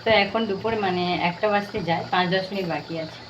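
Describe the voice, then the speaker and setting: A woman in her thirties from Bengal talks to her viewers in a quick, rambling way full of fillers. She is filming herself in her kitchen on a phone, with a faint hiss behind her. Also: mid-range voice, highs cut off. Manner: chatty, rambling, many fillers. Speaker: vlogger. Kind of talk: casual home vlog chat. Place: home kitchen.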